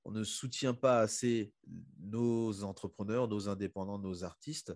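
A man's voice: on the low side, fairly even intonation, a little slow, a little mellow, no room sound, studio quality. A man from the Republic of the Congo hosting a podcast, speaking hesitantly with fillers while making a case for his guests. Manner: hesitant, many fillers and restarts, advocating. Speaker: podcast host. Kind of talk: casual interview talk.

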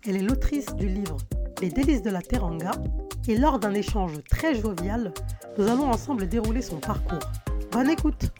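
A woman hosting a podcast in a casual interview chat, lively and quick to laugh when telling stories. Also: medium pitch, music in the background. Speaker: podcast host.

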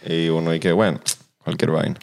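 A man's voice: low voice, little pitch movement, moderate pace, gravelly, a little mellow. A man hosting a casual podcast chat, slangy and laid-back, laughing easily. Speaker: podcast host. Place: Los Angeles studio.

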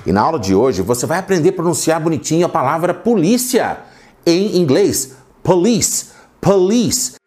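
A man hosting an English pronunciation podcast lesson. He asks chatty rhetorical questions and slows down sharply to spell out each English example phrase. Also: on the high side, sing-song, over music. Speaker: English teacher.

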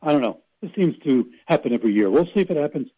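A man's voice: a little high, lively intonation, racing, husky, no room sound, lo-fi sound. A man calling in to a radio show as a sports reporter, chatting casually with rambling, folksy asides. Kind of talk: casual radio phone-in chat.

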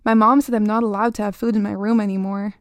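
A woman's voice: mid-range voice, level tone, fast, dry recording, clean studio sound, natural voice. Woman voicing a whispering, demanding giant fly. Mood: pleading. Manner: whispering, then insistent and demanding. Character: giant hungry fly creature, eerie and pushy.

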